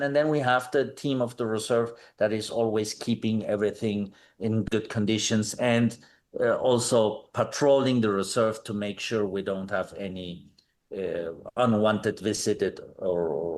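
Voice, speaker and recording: A middle-aged conservation manager from Mexico City answers interview questions thoughtfully. His voice is fairly low with a darkish tone, and his speech is full of fillers and restarts.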